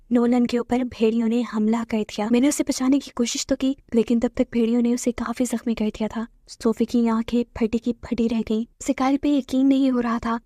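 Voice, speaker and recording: A woman with a Hindustani accent retelling a film's plot in steady, brisk scripted narration, with Urdu words mixed in. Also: fairly high pitch, no room sound, clean studio sound. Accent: Hindustani (Hindi-Urdu). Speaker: movie recap narrator.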